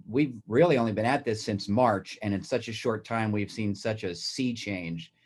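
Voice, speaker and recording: A man with a hoarse, raspy voice, giving a conversational slide presentation as a surgeon on an online panel. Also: lowish voice, measured pace, a little mellow. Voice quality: raspy, throat-clearing. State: hoarse after aspirating coffee. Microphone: video call.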